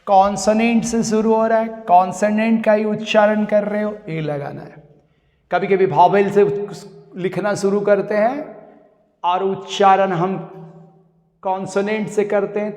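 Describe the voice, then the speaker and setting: A man teaches a grammar class, his voice pitched high and his pace slow and deliberate. He repeats each key word and checks that the students follow. A long reverb from a hall trails behind every phrase. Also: darkish tone. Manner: explains step by step, repeats key words, asks students checking questions. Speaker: English teacher. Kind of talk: classroom lesson in Hindi.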